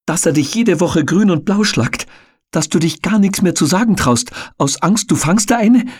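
A man with a husky voice voicing a battered, desperate and defiant young woman, in an audiobook. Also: high voice, lively intonation, normal speed, no echo, clean studio sound, pitched above the performer's own voice. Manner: urgent, bitter pleading.

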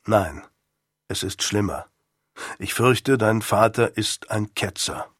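A man voicing a grave older male statesman who is stern yet kindly, speaking in a measured, solemn and reproving manner. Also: on the low side, a bit bright, slightly rough, no room sound, clean studio sound, heavily acted. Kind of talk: audiobook character voice.

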